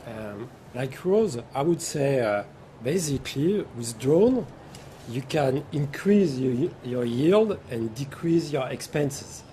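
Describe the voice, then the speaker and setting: A man with a mellow, dark voice speaks very slowly as a conference panel guest. He often halts to search for words. Faint event ambience sits behind him. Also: mid-range voice, expressive, slight background noise. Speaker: panel guest, company executive. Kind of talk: panel discussion. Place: conference exhibition stand.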